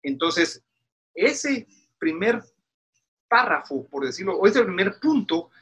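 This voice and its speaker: A middle-aged man from Guatemala speaks as a podcast guest, earnest and preacherly, often restarting his sentences. His voice is husky and bright, sitting fairly high for a man. He talks like a pastor giving advice. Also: big pitch swings, slow pace. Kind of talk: casual interview talk.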